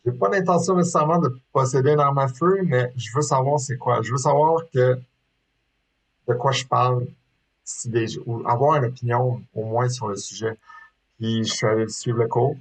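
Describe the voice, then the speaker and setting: Heard over a rough recording, a sport shooter speaks as an interview guest in a casual, hesitant way, with lots of fillers and restarts. He's in his thirties, from Quebec, Canada, has a Québécois French accent, and his mid-range voice keeps a moderate pace.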